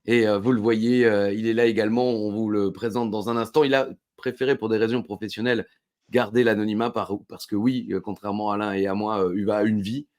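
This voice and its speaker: A man's voice: on the low side, steady tone, fairly quick, a little mellow. A man hosting a podcast in casual banter, teasing dryly with many fillers. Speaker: podcast host.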